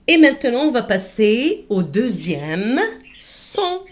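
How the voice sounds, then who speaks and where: Slow, lively woman teacher. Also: fairly high pitch. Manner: slow, deliberate repetition of words for learners; switches to quick Moroccan Arabic asides. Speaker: French teacher. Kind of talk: pronunciation lesson for children.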